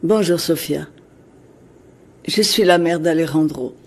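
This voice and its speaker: An actress playing a wealthy middle-aged mother who speaks in a measured, formal and authoritative way. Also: low-pitched, exaggerated voice. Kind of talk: dubbed drama acting.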